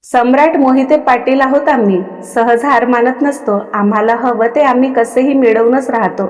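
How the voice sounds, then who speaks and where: A woman's voice: a little high, fairly even intonation, moderate pace, a little mellow, lightly acted. Stern domineering husband, read by a woman. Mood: stern commanding. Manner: commanding, uses royal "we". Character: angry domineering young husband, a man. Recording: long reverb.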